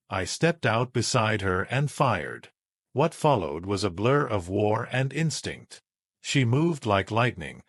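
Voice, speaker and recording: Slow, lively male storyteller. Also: mid-range voice, no room sound, studio quality. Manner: measured, dramatic storytelling. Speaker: narrator. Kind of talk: scripted first-person sci-fi narration.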